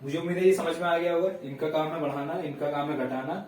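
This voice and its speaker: A man's voice: fairly high pitch, fairly even intonation, darkish tone, a little hiss or hum. Male tutor, patient step-by-step explainer, recorded from a distance in a reverberant classroom. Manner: explains step by step, checks in with students; dictates sentences slowly word by word. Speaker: teacher. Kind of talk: classroom grammar lesson. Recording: echoey room, voice heard from a distance.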